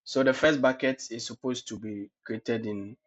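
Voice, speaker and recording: The tutorial host, a man with a cold, guides viewers through a cloud lab screencast one step at a time, often saying "okay, so." His mid-range voice keeps fairly even intonation at normal speed. Audio is dull and lo-fi.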